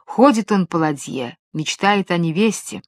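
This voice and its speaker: A woman narrating a fairy tale in a calm, measured storytelling voice. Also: lowish voice, no echo, studio quality.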